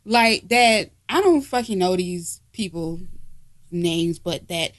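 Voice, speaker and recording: A woman with a fairly low-pitched voice co-hosts a laid-back comedy podcast at home, not in a studio. She speaks slowly but animatedly, in a brash, teasing, profane manner.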